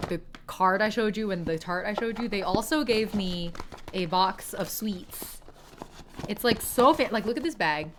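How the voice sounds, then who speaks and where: Giggly bright-voiced woman streamer. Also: medium pitch, a little hiss or hum. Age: 20s. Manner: rambling, giggly, swears casually. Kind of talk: casual chat with live chat.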